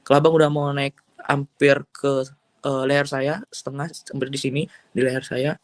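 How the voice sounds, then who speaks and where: A man's voice: mid-range voice, flat delivery, normal speed, no room sound. A young man from Indonesia telling his personal testimony in an earnest, emotional way, full of fillers and restarts. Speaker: testimony giver.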